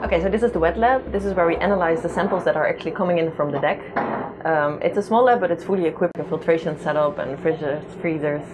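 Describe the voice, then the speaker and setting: A woman scientist giving a brisk tour of a small lab aboard a ship. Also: low voice, over music. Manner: brisk tour-guide delivery. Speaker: research scientist. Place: small ship laboratory indoors. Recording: distant mic with machine noise.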